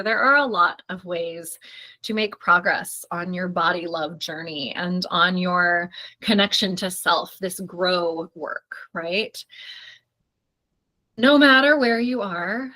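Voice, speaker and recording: A woman who founded a studio and hosts a live online workshop wraps it up, speaking slowly in a bright voice that sits on the low side. She's effusive, affirming, and reassuring, talking straight to the viewers, and the audio sounds like a video call mic.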